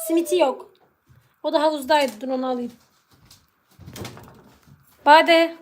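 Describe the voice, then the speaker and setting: A woman's voice: high voice, fairly even intonation, a little slow. A woman filming a home vlog, coaxing and soothing her crying children while talking to viewers. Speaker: mother and channel host. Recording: loud background noise.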